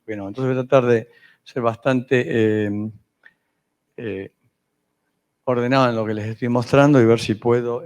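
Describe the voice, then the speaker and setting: A man from northern Argentina, speaking with a northern Argentine Spanish accent, gives a medical lecture on fertility in a mid-range, darkish voice. He's hesitant, pausing often and filling his speech with fillers and restarts.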